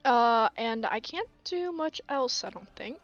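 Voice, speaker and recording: A woman's voice: on the high side, animated, a little slow, no room sound, highs cut off, soft background music. A woman playing a tabletop game, blunt and swearing casually as she weighs her moves. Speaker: player.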